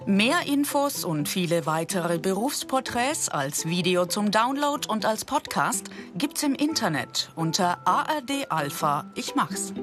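A woman reading a scripted documentary narration in a calm, informative manner. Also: medium pitch.

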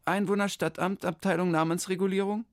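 Man doing a shrill fussy office clerk lady. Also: level tone. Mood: officious. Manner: brisk bureaucratic chatter.

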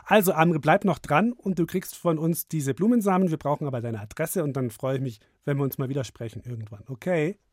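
A woman's voice: deep voice, fairly quick, few pauses, a little mellow, no room sound, clean studio sound. A woman hosting a children's radio call-in show, chatting encouragingly with young callers.

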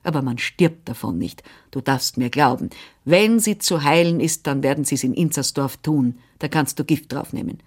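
A fussy, witch-like old seamstress who chatters and scolds yet means well, as a woman reads her in an audiobook. Her voice sits low and she talks in a busy, fretting way. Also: normal speed, husky. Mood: exclaiming. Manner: chattering, scolding then soothing. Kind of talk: audiobook reading.

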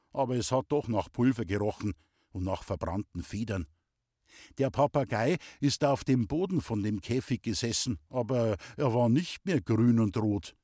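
A man's voice: medium pitch, darkish tone, no room sound, studio quality. A man narrating a story in the first person with a playful, boyish manner and a light tinge. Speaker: audiobook reader.

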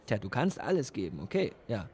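A man's voice: on the low side, sing-song, brisk, husky. A man playing a sardonic, lecturing cynic about love. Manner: sardonic, lecturing, swings from hushed to emphatic. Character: cynical man, calls himself a love professional. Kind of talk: radio play dialogue.

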